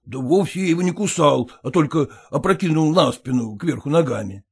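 A man voicing a proud, fussy male yard dog in an audiobook, with a husky voice and a stern, indignant, deliberate manner. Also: on the high side, expressive, exaggerated voice. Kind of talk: audiobook reading.

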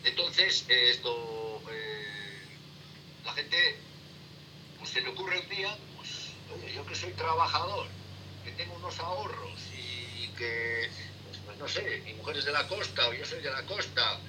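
A middle-aged man, a sailing instructor, answering interview questions in a halting way, full of fillers and tag questions. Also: fairly high pitch, very animated. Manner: halting, many fillers and repeated "¿eh?". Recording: distant noisy remote line.

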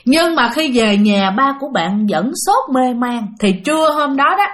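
A woman narrating a spooky spiritual story, lively and speaking straight to her listeners. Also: high-pitched, normal speed. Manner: animated, addresses listeners directly. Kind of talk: spoken ghost story.

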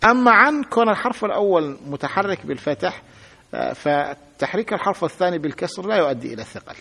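A man's voice: sits high, expressive, fast, vocal fry, bright, forceful tone, slightly rough. A sheikh teaching a grammar lesson, patiently repeating examples and asking his students to say them aloud. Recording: long hall reverb.

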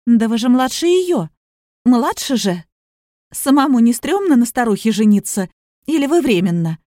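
A woman's voice: medium pitch, expressive, normal speed, a little mellow, no echo, clean studio sound, natural voice. A woman reading the lines of a selfish adult daughter who speaks with scorn and hysteria. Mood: scornful.

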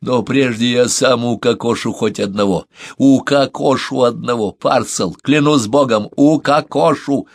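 A furious, half-mad man, voiced by a male reader, barking hoarse, fierce outbursts in an audiobook, pitched higher and louder than the narration. The sound is dry and close. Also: a little slow, dry recording.

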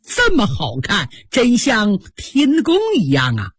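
Woman doing folksy old countrywoman, husky. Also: medium pitch, wildly swooping pitch, slow pace, dry recording, clean studio sound, exaggerated voice. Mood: fawning. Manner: folksy, exclaiming. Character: rustic old countrywoman, chatty and humble.

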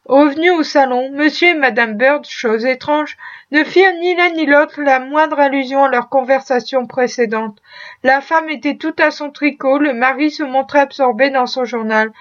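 A woman narrating a classic novel as an audiobook, in a measured, expressive reading. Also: sits high. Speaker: audiobook reader. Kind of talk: scripted narration. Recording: muffled lo-fi recording.

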